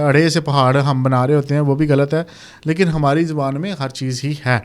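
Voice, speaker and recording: A man with a Pakistani accent explaining exam criteria in a relaxed, conversational video lesson, mixing in English terms. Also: a little high, clean tone. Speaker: exam tutor.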